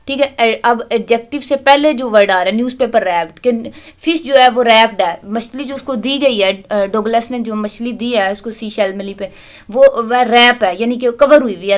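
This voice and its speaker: Woman teacher, slightly high voice, reads english examples slow then explains quick. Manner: reads English examples slowly, then explains them briskly in Hindi-Urdu. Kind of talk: recorded lecture explaining English grammar.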